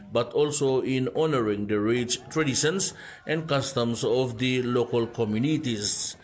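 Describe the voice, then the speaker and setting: A male reporter reading a scripted news report in a measured, formal way. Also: mid-range voice, slight background noise, low-quality recording.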